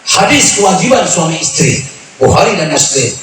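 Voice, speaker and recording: A man putting on a sharp-tongued Javanese wife. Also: a little high, very animated, crowd noise. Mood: needling. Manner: scolding, teasing, quick comebacks. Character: sharp-tongued Javanese housewife, middle-aged woman. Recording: echoey hall, mic far off, background noise.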